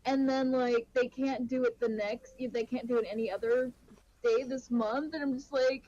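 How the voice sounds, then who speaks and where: A woman in her thirties chats casually with her tabletop game group, rambling from one plan to the next. Her voice sits high and comes through a little husky. The line sounds muffled and lo-fi. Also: fairly even intonation, normal speed, mellow, dry recording. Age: 30s. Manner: chatty, rambling. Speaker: player. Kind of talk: casual chat.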